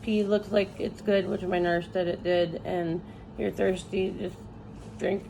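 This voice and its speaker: A woman recovering from surgery, sounding weak and tired, chatting casually and haltingly from a hospital room. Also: mid-range voice, level tone, vocal fry, background noise. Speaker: patient vlogger recovering from surgery. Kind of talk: casual chat to camera.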